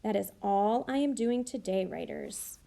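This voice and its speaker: A woman teacher slowly modeling how to write sentences for young children, thinking aloud and sounding out each word. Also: medium pitch, gravelly, mellow. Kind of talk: slow modeled writing demonstration.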